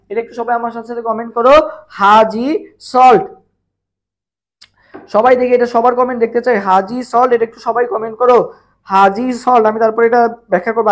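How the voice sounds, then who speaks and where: Bangladeshi man drilling students in a live class. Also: very high voice. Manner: drilling with repeated questions and answers, asks viewers to comment. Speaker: online biology tutor. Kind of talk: live-streamed exam revision class.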